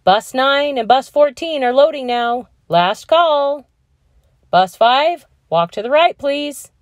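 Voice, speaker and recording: Woman playing a calm school announcer man, raised pitch. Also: no room sound, studio quality. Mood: calm, official. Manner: polite, measured announcing. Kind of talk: children's storybook character reading.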